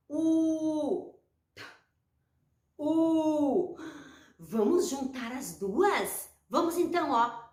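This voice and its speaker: A woman's voice: high-pitched, echoey room. Sing-song Brazilian woman teaching phonics. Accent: Brazilian Portuguese. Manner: slow, sing-song and encouraging, drawing out sounds. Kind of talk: children's phonics lesson.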